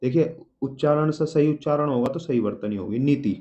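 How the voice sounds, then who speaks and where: A man's voice: mid-range voice, brisk, dark tone. A man teaching a spelling lesson word by word, asking and answering his own questions and often checking with his students. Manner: repeats each word and checks with "ठीक है". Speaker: Hindi exam teacher. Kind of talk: spelling lesson walking through words. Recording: dull lo-fi audio with faint room noise.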